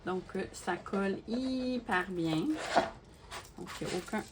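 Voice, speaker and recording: A woman chats through a craft unboxing, with a mid-pitched voice and easy fillers. She repeats her words when she gushes and talks straight to her viewers. The home recording carries a steady hiss and small clicks. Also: measured pace. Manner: chatty, gushing, many fillers and repeats. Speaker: crafting YouTuber. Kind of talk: casual unboxing talk to viewers. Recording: steady background noise with clicks.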